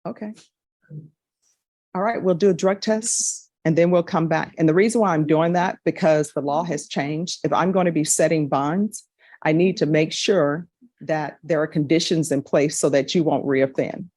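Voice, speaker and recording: A woman serving as a judge, speaking in a measured, procedural way, heard in a courtroom recording. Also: sits low, a little mellow, no room sound. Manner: measured, procedural, plainly spoken.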